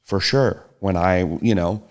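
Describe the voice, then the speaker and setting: The middle-aged guest, who is the host's partner, has a low, clean-toned voice and a measured pace. He talks casually and softly, hesitating and restarting often before trailing off.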